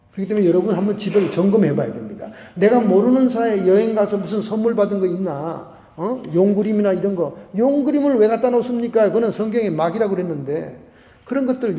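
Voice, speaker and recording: A middle-aged male pastor preaching a sermon, telling a story and acting out the people in it with animated voices. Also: sits high, dull audio. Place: church sanctuary. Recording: echoey hall reverb.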